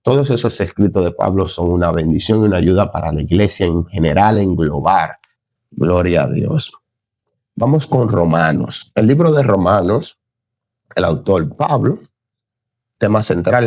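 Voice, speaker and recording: A man's voice: low-pitched, expressive, moderate pace, creaky, darkish tone, dry recording. A man giving a recorded Bible lesson in an earnest, unscripted way, often praising God and stopping to correct his own slips. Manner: earnest, exclaims "Gloria a Dios", stumbles and corrects himself. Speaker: Bible teacher.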